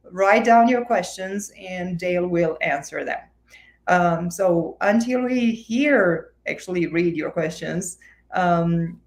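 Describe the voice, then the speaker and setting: Slow-talking woman host. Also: on the low side. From Romania. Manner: slow, halting, many fillers. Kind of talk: hosting an online book event. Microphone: video call.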